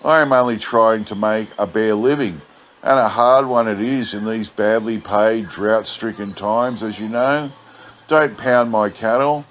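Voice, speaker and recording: Guy reading as a wily aussie cattle drover, low plain-spoken outback drawl, noisy recording. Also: measured pace, close to an everyday voice. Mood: pleading. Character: crafty male cattle drover feigning humble sincerity. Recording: clear background noise.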